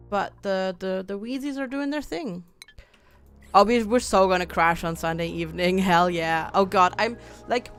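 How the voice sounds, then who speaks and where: The streamer, a young woman from Germany, speaks at medium pitch as she plays a game live, chatting informally with viewers, reading the chat aloud, and laughing a lot.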